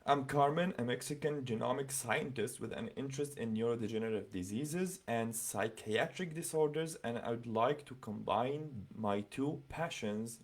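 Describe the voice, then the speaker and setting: Chatty man reading comments on a livestream. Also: medium pitch. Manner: chatty, many fillers, reads comments aloud and reacts. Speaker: livestream host giving scholarship interview advice. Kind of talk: casual livestream talk reading viewer comments.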